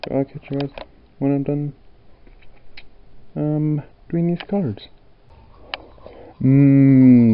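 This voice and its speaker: A man talking casually in a home vlog, coaxing and giving commands to his pet dogs. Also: mid-range voice. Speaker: vlogger. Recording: lo-fi home video with loud background noise.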